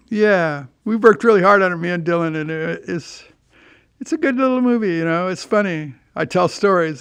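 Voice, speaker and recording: An older man talks through his podcast in a loose, rambling monologue, often swearing and doubling back on his words. His voice sits high for a man, with a gravelly rasp that still stays clear. The sound is dry and close. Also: a bit bright, no echo. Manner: rambling, profane, repeats words. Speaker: podcast host. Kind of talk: casual monologue.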